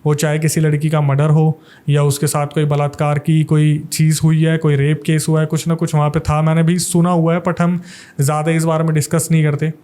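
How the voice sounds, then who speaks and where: A man's voice: fairly high pitch, monotone, brisk, warm tone. A young man from Delhi, a paranormal investigator, telling a suspenseful ghost story in a casual podcast interview.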